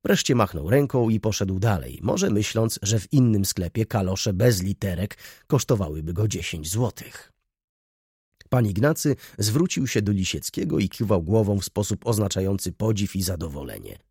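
A man narrating an audiobook with expressive storytelling. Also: fairly low pitch, normal speed, slightly rough, dry recording, studio quality.

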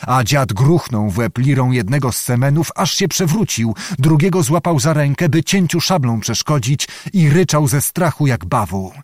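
A man reads a historical novel aloud in a measured, dramatic way, as an audiobook narrator. His voice sits at a mid pitch. The sound is dry and close, with no room around it. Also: lively intonation, no room sound.

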